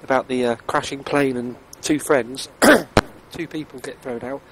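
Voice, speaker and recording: A man's voice: mid-range voice, fairly even intonation, moderate pace. Dryly teasing man on noisy chat. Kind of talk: casual banter.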